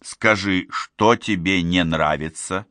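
A man's voice: sits low, slow pace, sharp tone, dry recording, clean studio sound, full character voice. A man reading the part of an earnest, insistent young man in an audiobook, pressing his case with urgent pleading. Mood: whispering.

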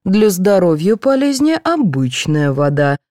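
A woman's voice: lowish voice, big pitch swings, measured pace, a little mellow, no echo, clean studio sound. A woman voicing a preachy female dentist who lectures about healthy eating in an audiobook.

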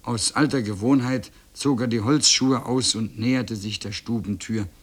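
A man reading a children's classic aloud on radio in a calm, measured storytelling voice. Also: medium pitch, slightly rough. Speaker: reader.

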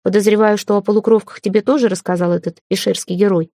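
A woman's voice: mid-range voice, steady tone, fast, mellow, no room sound, studio quality, close to an everyday voice. A woman reading the part of a proud, hot-tempered young prince who turns from irony to stern pleading. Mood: irritated.

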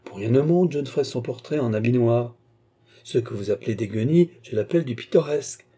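A man reading aloud, voicing a cheerful, teasing male painter in a husky, dark voice. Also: medium pitch, a little fast, natural voice. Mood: amused. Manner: breezy, teasing.

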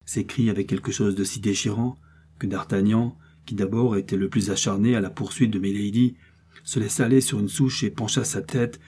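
A man giving a measured, dramatic scripted narration of a classic novel as an audiobook reader. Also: lowish voice, warm tone, slightly rough.

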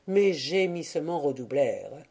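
A woman narrating a classic tale for an audiobook in a measured, expressive reading. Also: deep voice, husky. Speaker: audiobook reader.

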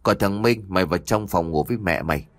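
A man playing a stern older uncle who speaks low, slow and grave. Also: no echo, clean studio sound, close to an everyday voice. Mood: hushed.

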